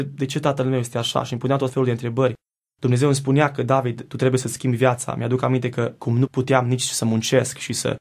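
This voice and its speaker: A man speaks in a gravelly, creaky voice, telling his faith story in a TV studio interview. His delivery is earnest and reflective, and he often pauses and restarts as he searches for words. His pitch stays fairly even throughout. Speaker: guest singer. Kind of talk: personal faith testimony.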